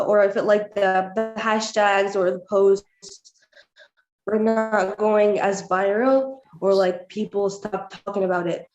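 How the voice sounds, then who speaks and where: A woman guest speaking over glitchy, cutting-out online call audio, hesitant and halting with many fillers. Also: medium pitch. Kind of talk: online protest talk. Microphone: remote video call. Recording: muffled echoey call audio with faint music.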